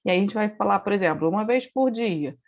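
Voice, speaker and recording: This woman speaks quickly and expressively at a medium pitch, patiently walking her online class through English grammar one step at a time. She keeps checking on her students with frequent "né?" and "então", and the recorded lesson has a dull, lo-fi quality.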